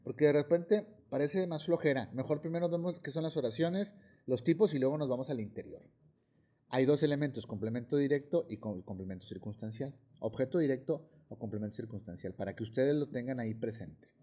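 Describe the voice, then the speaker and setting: Mexican-accented teacher with a mellow voice. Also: male voice, medium pitch, fairly quick. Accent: Mexican Spanish. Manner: explains with examples, checks understanding with "¿sí?". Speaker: high school teacher. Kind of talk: classroom grammar lesson. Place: classroom.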